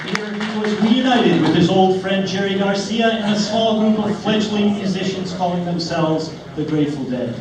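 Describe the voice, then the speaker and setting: A man's voice: high voice, normal speed, few pauses, a crowd in the background. A man delivers a tongue-in-cheek eulogy as a speech, telling tall stories with mock solemnity. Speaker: speaker giving a comic eulogy. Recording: echoey, noisy room, distant mic.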